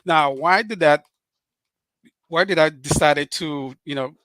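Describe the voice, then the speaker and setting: This author, a middle-aged man from Cameroon, speaks French-accented as a live-show guest, sincere yet stumbling through fillers and restarts. The pitch runs somewhat high with a slightly bright quality, and there's no room sound.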